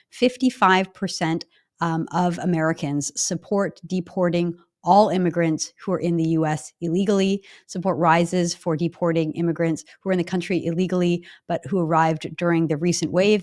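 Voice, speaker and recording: A woman hosting a political commentary show, brisk and opinionated, with frequent ums. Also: fairly low pitch. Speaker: show host.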